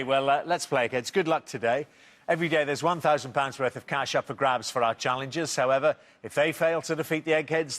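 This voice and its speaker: A man hosts a TV quiz show, reading questions out clearly at a brisk clip and trading light banter with the contestants. His voice sits in the mid-range with a slightly bright edge.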